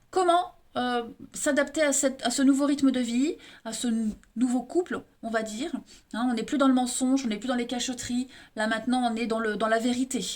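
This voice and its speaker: A woman with an eastern French accent giving a monthly tarot card reading, talking straight to viewers and often tagging her sentences with "hein". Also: on the high side. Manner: addresses viewers directly, frequent tag "hein". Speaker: tarot reader.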